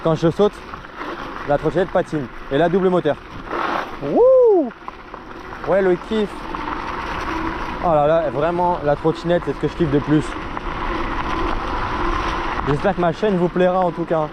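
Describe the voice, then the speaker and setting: A young man talks in a slightly high voice, casual and full of slang. He sounds enthusiastic as he narrates his ride outdoors, with clear vehicle and street noise around him. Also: moderate pace, pauses often. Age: young adult. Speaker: vlogger on an electric scooter. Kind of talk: casual ride-along vlog chat. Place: outdoors, riding through streets and forest.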